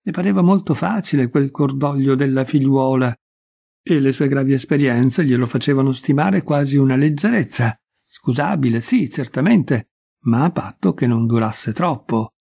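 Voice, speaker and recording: A man reading a classic short story aloud in a measured, expressive narration. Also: mid-range voice, gravelly, husky. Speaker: audiobook reader. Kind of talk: literary narration.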